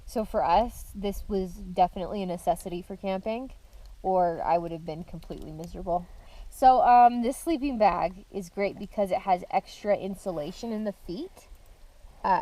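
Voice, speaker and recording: Relaxed woman at a winter campsite. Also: medium pitch, poor audio. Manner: relaxed, hesitant with fillers. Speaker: host's wife. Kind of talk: casual storytelling.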